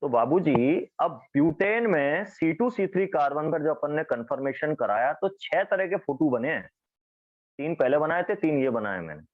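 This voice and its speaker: A male chemistry teacher lectures in a classroom with a voice that swings up and down and sits slightly high. He keeps asking his students questions as he explains. The recording is thin and phone-like. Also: moderate pace. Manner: lively, questions students often.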